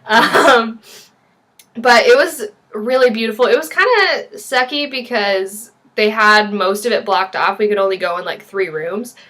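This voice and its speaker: A woman's voice: a little high, unhurried, sharp tone. A young woman, vlogging in casual chat with an informal, loosely hedged way of talking. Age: young adult. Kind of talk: casual chat to camera with a co-host.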